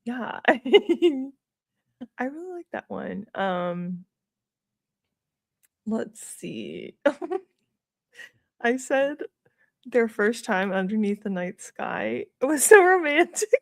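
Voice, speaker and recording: A woman's voice: on the high side, very animated, drawn-out words, creaky, long pauses, no room sound, studio quality. A woman co-hosting a book club chat, laughing often and reading from her notes. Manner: giggly, reads from her notes. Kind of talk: casual chat.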